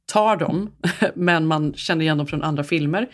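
Chatty podcast co-host, enthusiastic. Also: mid-range voice. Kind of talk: casual chat.

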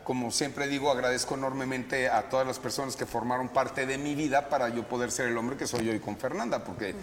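A man's voice: medium pitch, steady tone, fairly quick, slight background noise. A man in his fifties with a Mexican accent, a guest telling a candid, reflective story with many fillers. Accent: Mexican Spanish. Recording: reverberant space with crowd chatter.

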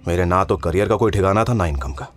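A man's voice: deep voice, lively intonation, fast talker. A man playing a fond, nervous young writer. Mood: wistful. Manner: warm, teasing, hesitant Hinglish banter. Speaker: lead character. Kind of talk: audio drama acting. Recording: studio voice with music underneath. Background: soft background music.

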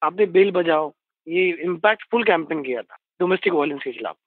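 Interviewer guy, high gravelly voice, keeps saying sir, tinny dry line. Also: expressive, a little fast, no room sound. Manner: deferential, says "sir" often, many hums. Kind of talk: interview questions. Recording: dry tinny phone-like sound.

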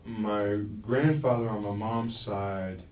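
A man rambling with halting restarts in a police interrogation. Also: fairly low pitch, slight background noise. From Florida. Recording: echoey, distant, phone-like interrogation room audio.

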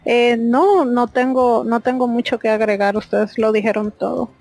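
A woman's voice: a little high, moderate pace, darkish tone, no echo. Distant woman, as if away from the mic. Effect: distant, as if speaking away from the phone or mic. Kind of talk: casual chat.

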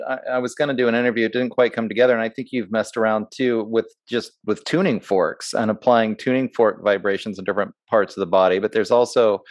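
A man's voice: mid-range voice, no room sound. A man hosting a casual interview, asking tentative, rambling questions that restart partway through. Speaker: interview host.

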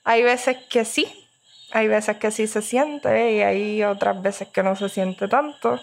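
A young woman in her twenties speaks with a Puerto Rican accent and a gravelly, fry-tinged voice. She answers interview questions eagerly, laughing easily, at an ordinary middle pitch. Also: fairly even intonation, slow pace. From Puerto Rico. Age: 20s. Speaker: university student and youth party officer.

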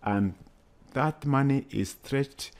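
A man's voice: mid-range voice, slow pace. A man with a Kenyan accent answering interview questions earnestly, repeating phrases for emphasis. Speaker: children's charity worker, interview guest.

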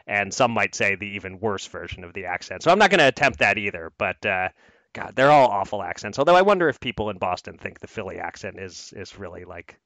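A man's voice: on the low side, big pitch swings, fast talker, fairly bright tone, no room sound. A man co-hosting a podcast, running through news items in a casual, conversational way and laughing easily. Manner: conversational, laughs easily, filler-heavy asides. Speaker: podcast co-host.

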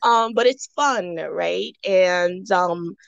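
Gravelly low-voiced woman from the Bahamas. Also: extremely slow, dull audio. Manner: reflective, many fillers and restarts. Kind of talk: casual podcast interview.

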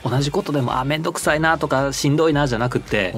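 A man's voice: a little high, racing, a bit bright, soft background music. A man hosting a radio talk show as its announcer, asking polite, attentive questions and reading out announcements. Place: radio studio.

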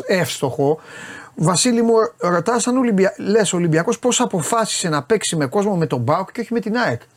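Ένας άντρας που παρουσιάζει μια αθλητική εκπομπή, μιλώντας χαλαρά, με ενθουσιασμό και συχνές παρεμβάσεις. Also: male voice, sits high. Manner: animated, excitable, quick interjections. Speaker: show host. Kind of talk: casual sports chat.

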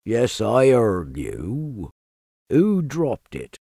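A man voicing a gloomy, sarcastic old male donkey in a storybook reading, with a low, slow, mournful drawl. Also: huge pitch swings, vocal fry, warm tone, slightly rough, dry recording, studio quality, exaggerated voice.

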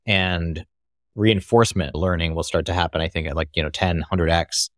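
A man's voice: sits low, steady tone, moderate pace, no echo, studio quality. A man with an American accent talking casually as a podcast guest, rambling with lots of fillers and restarts. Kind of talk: casual conversation.

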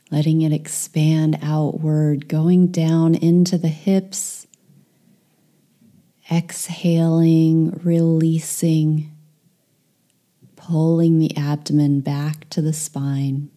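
A woman with a low voice leads a guided meditation, speaking softly and soothingly and whispering some phrases.

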